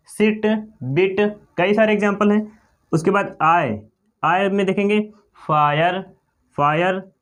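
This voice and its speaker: A man teaches English letter sounds, speaking in a somewhat high voice. He moves slowly and repeats each example, checking with listeners as he goes. His delivery is patient and classroom-like. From India. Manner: slow, repetitive, often says "okay" and "clear". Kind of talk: classroom pronunciation lesson.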